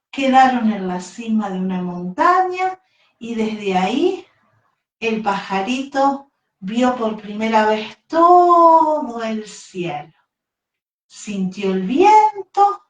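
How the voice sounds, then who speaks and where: A woman with a Rioplatense accent, a yoga teacher trainer, telling a children's story in a slow, sing-song voice and leading breathing exercises. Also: fairly high pitch. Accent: Rioplatense Spanish. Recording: echoey room.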